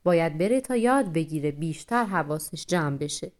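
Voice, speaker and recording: A woman's voice: sits low, expressive. A woman voicing a stern male wolf leader who speaks firmly.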